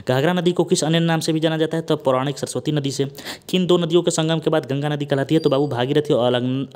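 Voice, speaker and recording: A man runs an online exam-prep lesson at a brisk clip. He speaks at a middle pitch, and his chatty delivery keeps checking that the students are following along. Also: darkish tone. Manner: chatty, keeps asking "ठीक ना?" and calls students "Babu". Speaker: exam coaching teacher.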